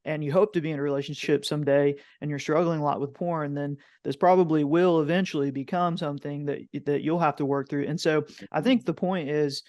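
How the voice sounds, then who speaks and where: A man's voice: a little high, steady tone, fairly quick, few pauses, darkish tone, no echo, studio quality. A man hosting a podcast interview, talking things through in an earnest, thoughtful way. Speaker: podcast host. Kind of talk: conversational interview.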